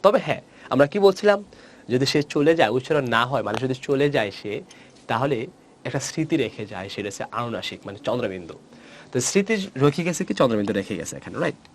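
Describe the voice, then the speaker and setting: A male teacher gives a grammar lecture, repeating key points and quizzing students with quick questions. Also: mid-range voice, animated. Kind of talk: recorded Bangla grammar lecture.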